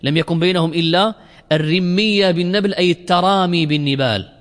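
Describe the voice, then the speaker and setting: A man's voice: sits high, fast. A man teaching a class, explaining verses line by line, questioning his students and drilling examples. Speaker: teacher of Arabic morphology. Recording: long hall reverb.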